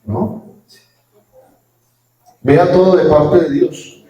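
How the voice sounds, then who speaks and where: A man preaching a Pentecostal sermon as pastor, quoting scripture with sudden rises and drops in loudness. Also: fairly high pitch, steady tone, very slow. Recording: echoey room from far off.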